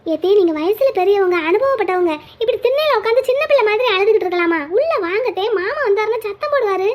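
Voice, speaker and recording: A woman voicing a bossy, sharp-tongued young daughter-in-law who scolds briskly. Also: very high-pitched, expressive. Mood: coaxing.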